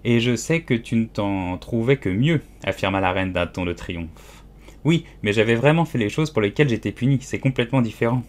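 A man's voice: expressive, brisk, a little mellow, natural voice. A man voicing a fussy, scatterbrained old queen who wails and lectures in an audiobook. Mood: scolding. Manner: shrill wailing cries, fretful and peremptory. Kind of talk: audiobook character voice.

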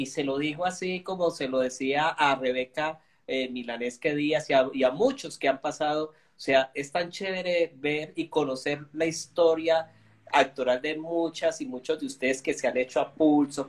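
A man's voice: fairly high pitch, steady tone, normal speed. A man hosting a live interview show, complimenting his guest in a casual tone, with stammering starts.

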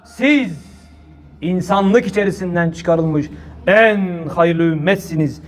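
A man's voice: sits high, slow pace, slight background noise. A man with a Turkish accent giving an impassioned religious talk to an audience, exhorting his listeners and reciting Arabic verses. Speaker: preacher.

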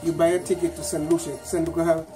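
Older man giving quick advice. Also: on the high side, level tone, over music. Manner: matter-of-fact, giving practical advice. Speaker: family member. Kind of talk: casual chat at home.

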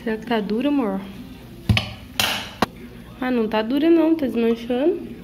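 Faint music plays behind a young Brazilian woman as she films her husband cooking in their home kitchen for her casual vlog. Her fairly high, mellow voice moves at a moderate pace while she addresses viewers directly and praises and prompts her partner.

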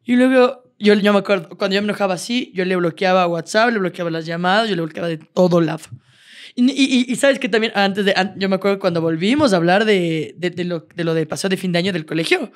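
Young woman cohosting a podcast, chatty and lively, laughing while she tells stories. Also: medium pitch, fast talker. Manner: lively, laughs often, swears casually, many restarts. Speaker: podcast co-host. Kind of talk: casual storytelling chat.

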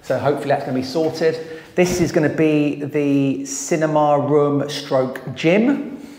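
A brisk renovation company site manager in his thirties, male with a slightly high, a little mellow voice, gives a matter-of-fact casual tour of an empty house being renovated, listing the work item by item. Inside the bare plastered rooms, a wide-angle camera carried by someone else catches him from a few meters away, with faint hiss.

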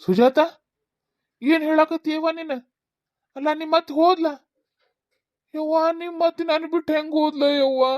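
A lady doing a worried old village dad-in-law, north karnataka accent, rambly and repeats stuff, kinda high voice, dry sound. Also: steady tone, moderate pace, pauses often, darkish tone, no room sound, lightly acted. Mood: worried, bewildered. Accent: North Karnataka Kannada. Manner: fretful, rambling, repeats questions. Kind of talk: village comedy skit.

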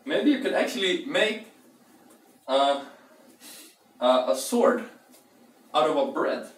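A young home cooking vlogger bakes bread in his kitchen and chats casually, rambling playfully, thinking aloud, and humming as he works. His voice is on the high side, very animated, and slow. A camera across the echoey room picks him up from far off.

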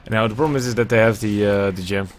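Talking fast in a lowish voice, a young Dutch-accented caster from the Netherlands provides solo play-by-play of a video game match from his home. He keeps it relaxed and chatty, voicing his thoughts and swearing every so often. His setup is earbuds and a webcam at a desk.

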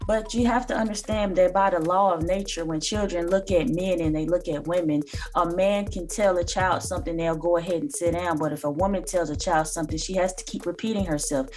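An earnest woman in her thirties delivers a lecturing commentary, her voice sitting a little low for a woman. She talks to a phone or webcam in a small room, with faint music underneath. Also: fairly even intonation, a little fast, few pauses, darkish tone. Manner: earnest, lecturing, with filler ums. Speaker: reaction channel host. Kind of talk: commentary on a reacted video.

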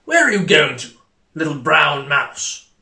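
A man voicing a genteel, hungry storybook owl, inviting, drawn-out and easily startled. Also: on the high side, sing-song, creaky, pushed and bright, echoey room, exaggerated voice.

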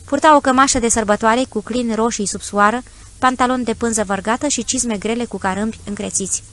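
A woman reading a classic story aloud as an audiobook narrator, measured and descriptive. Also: fairly high pitch, fairly bright tone. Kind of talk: scripted literary narration.

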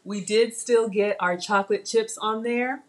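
This home cooking livestream host, a middle-aged woman, speaks a little slowly in a steady, medium-pitched voice. She chats casually with viewers during her kitchen demo, addressing commenters by name. She's captured by a fixed camera at counter distance.

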